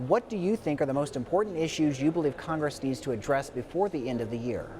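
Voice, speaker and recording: A man's voice: fairly high pitch, fast talker, crowd noise. A man with an American accent working as a news anchor, presenting and asking questions in a broadcast news interview.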